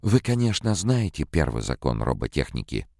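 A man voicing a sharp, mocking woman robot psychologist in an audiobook, his deep voice pushed higher. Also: very animated, moderate pace, vocal fry, no room sound, clean studio sound, heavily acted. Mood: scornful. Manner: mocking, cutting.

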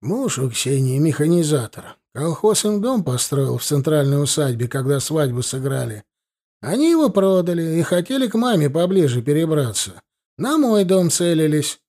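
A man's voice: fairly high pitch, very animated, moderate pace, darkish tone. A man playing a defensive, muttering village homeowner in his sixties, grumbling about his neighbours.

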